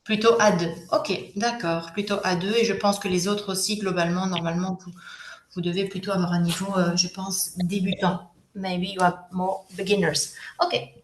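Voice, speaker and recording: A French woman in her thirties leads a live online workshop, moving between French and English with patience, encouragement, and plenty of hesitations. Her lowish voice stays fairly flat at a moderate pace, with a roomy sound and a bit of hiss or hum.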